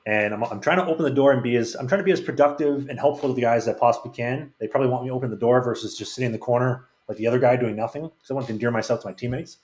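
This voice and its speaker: A man's voice: medium pitch, rapid-fire, hardly any pauses, darkish tone. A man who is a podcast guest tells frank, rambling anecdotes in a casual storytelling way, with many restarts. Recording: roomy echo.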